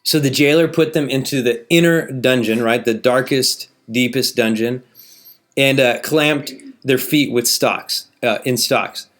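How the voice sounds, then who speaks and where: A man delivering a sermon in a relaxed, conversational manner. His voice sits at an ordinary middle pitch. He reads scripture aloud and often checks in with his listeners through rhetorical questions. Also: a little slow. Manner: casual, conversational preaching with many rhetorical questions.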